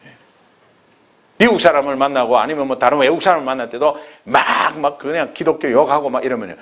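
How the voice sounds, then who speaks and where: A man who is a pastor, teaching an evangelism class in an animated way, acting out little dialogues and laughing along. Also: medium pitch, fast.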